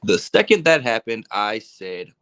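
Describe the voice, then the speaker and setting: A man's voice: fairly low pitch, big pitch swings, measured pace, fairly bright tone, smooth. Man ranting hotly on a podcast. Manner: heated, exasperated ranting with swearing and teasing. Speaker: podcast host. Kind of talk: casual sports podcast rant.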